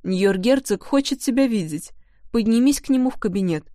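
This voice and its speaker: A woman narrator voicing a cold, strict head housekeeper giving brisk orders in a dry studio sound. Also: fairly high pitch, lively intonation, warm tone, dry recording, lightly acted. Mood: commanding. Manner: brisk, stern.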